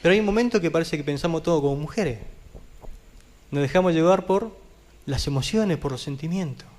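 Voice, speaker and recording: A man preaching a sermon as pastor, talking vehemently and putting questions to the congregation, with sudden swings from loud high peaks to quiet low drops. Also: brisk. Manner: addresses the congregation directly with questions. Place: church.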